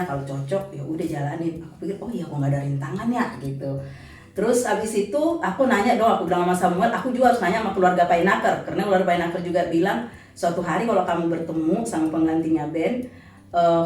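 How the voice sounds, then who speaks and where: Woman storyteller, blunt, lively, quoting people; echoey, distant mic. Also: fairly low pitch. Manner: lively, blunt, laughs often, acts out quoted lines. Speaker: guest telling her story. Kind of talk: casual storytelling chat. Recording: echoey room, voice far from mic.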